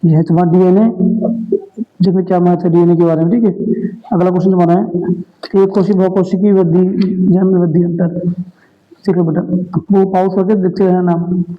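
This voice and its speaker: A man with a high voice, an accent from North India, and a flat, even way of talking runs through exam revision topics as a tutor. His talk is casual and full of "okay" checks. The recording sounds dull and lo-fi. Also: fairly quick, pauses often. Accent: North Indian Hindi. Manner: informal, repeatedly says "read it well" and "okay".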